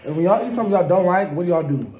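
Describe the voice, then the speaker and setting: A man's voice: high-pitched, animated, rapid-fire, background noise. A young American man complaining and defending himself in slangy, casual banter with friends. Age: young adult. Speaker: food challenge participant. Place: indoor room at a dining table. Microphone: camera across the table. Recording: roomy echo, music underneath.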